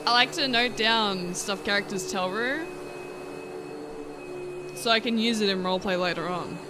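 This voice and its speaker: A woman streams a roleplay game from a home room where a vacuum is running, leaving the background noisy. Her medium-pitched voice keeps a moderate pace as she chats casually and giggles often, easily amused.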